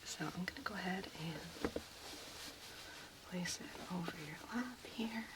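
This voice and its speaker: A woman playing a gentle, reassuring doctor in a soft, unhurried whispered role-play. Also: lowish voice, heavy background noise, natural voice. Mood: soothing, caring.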